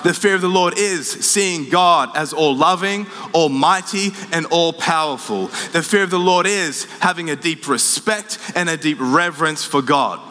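A man's voice: on the high side, normal speed, few pauses, bright, forceful tone. A young man preaching a sermon as a pastor, mixing scripture with casual storytelling. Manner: casual storytelling, laughs at his own stories. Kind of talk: sermon with personal anecdotes. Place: large church auditorium. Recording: live in a reverberant hall.

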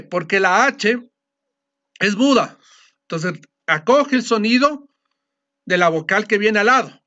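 A man with a notably high voice lectures to a class, laying out each rule step by step and checking that his students follow. The recording is dull and lo-fi. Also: a bit bright. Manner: explanatory, often checks understanding with a quick question. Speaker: teacher.

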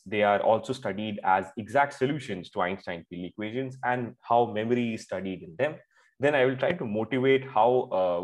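A man's voice: on the low side, rough recording. A young man from India, giving a conference talk over a video call, explaining step by step with many fillers. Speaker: PhD student presenting a paper. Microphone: headphones on a video call.

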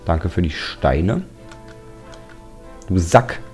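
A man provides casual, joking Let's Play commentary while playing a building game, chatting away and grumbling at the mobs that attack him. His low voice is animated yet very slow and a little mellow, with game music in the background.

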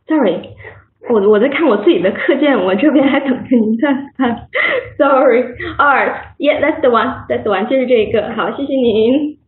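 A woman's voice: high voice, normal speed, slight background noise. A woman teaching an English vocabulary lesson on a video call, encouraging and praising her students and drilling words by repetition. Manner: drills words by repeating them. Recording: tinny phone-like line, echoey room.

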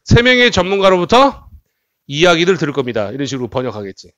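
A man's voice: fairly high pitch, big pitch swings, fast talker, a bit bright, no room sound, muffled recording. A man teaching English grammar at a cram school, reading English sentences aloud and translating them while checking students with tag questions. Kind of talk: exam-prep grammar lecture.

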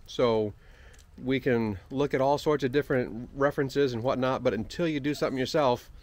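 A man co-hosting a casual farm cooking vlog outdoors, relaxed and talkative. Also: medium pitch, normal speed. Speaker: farm vlogger co-host. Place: outdoors by a fire pit on a farm.

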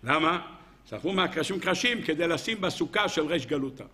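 Animated rabbi with a bright, high voice. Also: male voice. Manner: animated, rhetorical questions, acts out quotes. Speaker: rabbi teaching a weekly Torah class. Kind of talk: Torah lesson with storytelling.

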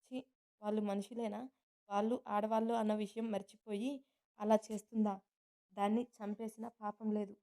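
A woman narrator voicing a caring, protective young man who speaks gently and reassuringly. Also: medium pitch, little pitch movement, moderate pace, natural voice. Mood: disgusted.

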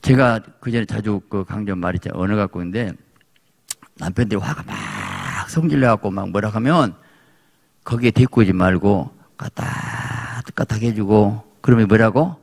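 A man's voice: fairly low pitch, normal speed, creaky. A male pastor with a Jeolla Korean accent preaching a sermon, exhorting his congregation with emphatic repetition.

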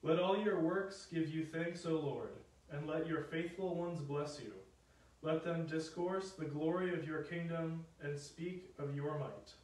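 A man serving as lector, reading scripture and the psalm in a measured, solemn way in a large church with cathedral echo. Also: fairly high pitch, steady tone, a little mellow. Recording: echoey cathedral from far off.

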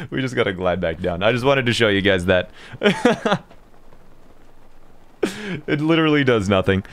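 A man's voice: medium pitch, very animated, a little slow, long pauses, fairly bright tone. A young man streaming a game in casual chat, joking and rambling, sounding tired and groggy. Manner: chatty, joking, trails off and restarts. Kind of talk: casual livestream chat over gameplay.

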